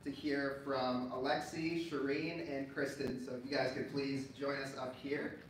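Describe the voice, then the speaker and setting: A man's voice: mid-range voice, flat delivery, measured pace. A man hosting a live event panel, introducing the athletes in an upbeat announcing manner with some fillers. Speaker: event host. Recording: echoey, distant mic, noisy ambience.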